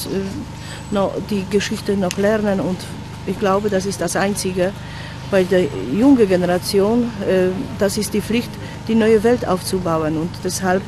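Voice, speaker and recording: An older woman, a former teacher, guiding school groups outdoors at a memorial site, speaking earnestly with halting phrasing. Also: medium pitch. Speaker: tour guide for school groups. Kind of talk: on-site explanation. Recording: outdoor street noise.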